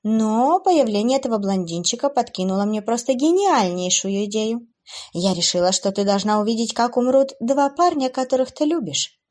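A woman's voice: fairly high pitch, expressive, normal speed, darkish tone, voice pushed up, natural voice. A woman voicing a cruel, playful female demoness who taunts her captive in a raised, sing-song voice for an audiobook. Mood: gloating.

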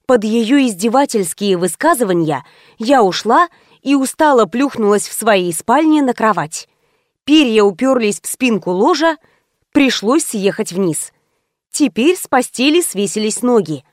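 A woman's voice: on the high side, animated, unhurried, no room sound, studio quality. A woman narrating a first-person comic novel in an ironic, chatty manner that speaks straight to the listener. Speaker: audiobook narrator.

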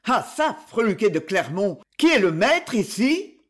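A man's voice: high voice, sing-song, unhurried, exaggerated voice. A man doing a blustering drunken old miller. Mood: angry. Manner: shouting, indignant.

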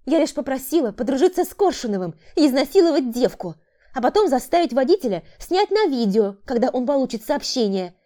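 A shrill, high-strung woman who schemes and then panics, pleading and defending herself, as an audiobook narrator plays her. Her voice jumps high and stays tense throughout. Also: animated, normal speed, mellow. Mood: panicked. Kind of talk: audiobook character voice.

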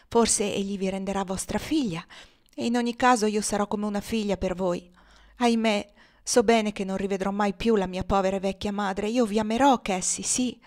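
A woman reading the part of a gentle, childlike young woman, soft and pleading in a storybook reading. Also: mid-range voice, close to an everyday voice.

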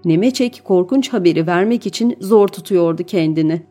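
A woman narrating a children's novel in an even, measured reading. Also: on the low side, soft background music. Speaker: audiobook narrator. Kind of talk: storybook narration.

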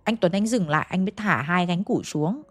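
A woman's voice: on the low side, expressive, brisk, no echo, faint music behind. A woman narrating a ghost story in a chatty way, talking straight to her listeners. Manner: chatty, addresses listeners directly.

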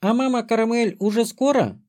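A man's voice: very high voice, fairly quick, darkish tone, pitched above the performer's own voice. A man voicing a sulky four-year-old drow girl in an audiobook, with a whiny, indignant child's voice. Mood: curious.

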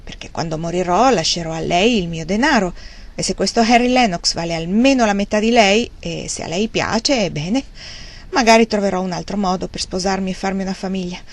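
In an audiobook, a woman voices a wry, grieving old gentleman, her delivery rambling and self-mocking. Her voice sits in the mid range, moves fairly quickly, and is only lightly acted.

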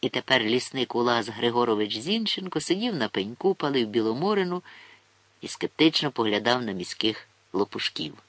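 A man's voice: mid-range voice, normal speed, no room sound. A man narrating a novel as an audiobook reader, voicing the dialogue in character. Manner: lively storytelling with dialogue voiced in character. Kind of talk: scripted narration.

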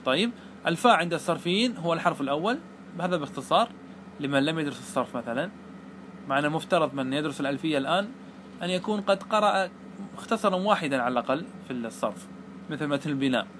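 A man's voice: fairly high pitch, lively intonation, racing, background noise. Patient Arabic grammar teacher, man. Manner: patient, repeats points and checks understanding. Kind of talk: explaining a grammar poem line by line.

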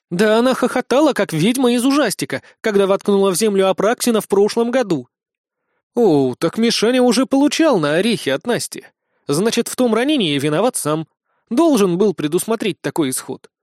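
Man doing a scornful young noblewoman, elder sister, raised pitch, jealous, audiobook. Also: expressive, brisk, a little mellow, no echo, clean studio sound. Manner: scornful, snappy.

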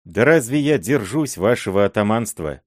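Man reading sly robber chief, folksy, lively rise and fall, dry close sound. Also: fairly low pitch, moderate pace, no echo. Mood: gruff persuasion. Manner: folksy, persuasive, earthy. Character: shrewd older male robber chief, blunt.

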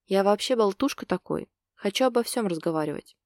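A woman's voice: medium pitch, animated, fairly quick, a little mellow, dry recording, studio quality, natural voice. A woman reading a jealous young man. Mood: grumbling. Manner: brooding, grumbling. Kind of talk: audiobook character reading.

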